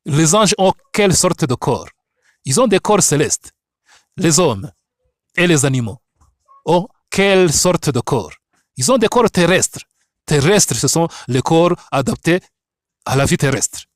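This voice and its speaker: A male Bible teacher speaks French as a second language with a foreign accent. His voice is fairly high and swings widely in pitch, captured dry and close. He preaches emphatically, repeating key phrases and putting questions to his listeners. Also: expressive, measured pace, long pauses, no room sound. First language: not French. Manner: emphatic, repetitive, didactic.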